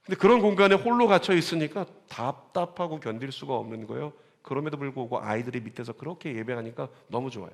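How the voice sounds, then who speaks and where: A man preaching a Sunday sermon as pastor, animated and calling on the congregation to repeat lines and read along. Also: mid-range voice. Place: church sanctuary. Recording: church sanctuary with long reverb.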